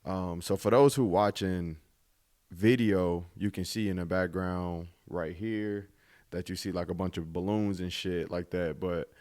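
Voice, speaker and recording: A man's voice: low-pitched, fairly even intonation, unhurried, darkish tone. A man in his twenties hosting his own podcast, talking in a laid-back, reflective way with casual swearing. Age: 20s. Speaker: podcast host. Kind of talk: casual solo podcast monologue.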